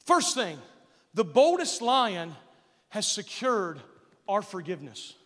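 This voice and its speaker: A man preaching a sermon to kids at camp, asking the crowd questions and building to loud, emphatic peaks. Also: high voice, very animated, slow, big-room sound. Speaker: pastor.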